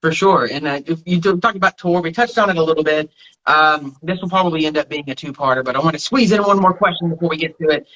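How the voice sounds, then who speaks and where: A man's voice: on the high side, fast, bright, forceful tone, lo-fi sound. A man hosting a casual interview, easygoing and swearing lightly while he plugs the show. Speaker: podcast host.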